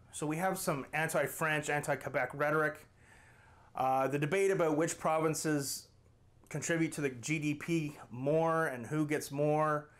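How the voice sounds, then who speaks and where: A man hosting his own channel, arguing his opinion to camera with emphatic rhetorical questions. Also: fairly high pitch. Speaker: channel host.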